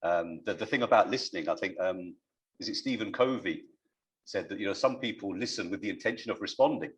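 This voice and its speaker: A man with a low voice hosts an online panel over video call. He speaks in a measured, reflective way and turns warmly to the callers with their questions. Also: poor audio. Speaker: panel host. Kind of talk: hosting an online panel discussion.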